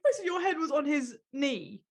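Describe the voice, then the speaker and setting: A woman hosting a podcast, reacting to a guest's stories with giggles and quick interjections. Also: high-pitched, sing-song. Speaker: podcast host. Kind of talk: casual chat.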